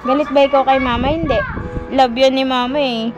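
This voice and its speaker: A woman's voice: sits high, steady tone, fairly quick, highs cut off, over music. A mother cooing at her baby in sing-song baby talk, repeating questions and laughing often, recorded at home on a camera. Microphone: handheld camera mic.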